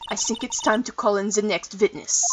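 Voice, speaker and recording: A woman's voice: medium pitch, fairly quick, distant mic, background noise, lightly acted. A woman voicing a haughty, scornful young female prosecutor with a put-on German accent. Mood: commanding. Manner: cold, scornful, commanding.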